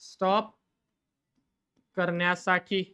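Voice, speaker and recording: A man's voice: high-pitched, level tone, sharp tone, smooth. Marathi teacher quizzing his class. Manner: keeps asking the class questions and answering them himself; dictates definitions slowly in English. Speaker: chemistry teacher. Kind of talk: classroom lecture.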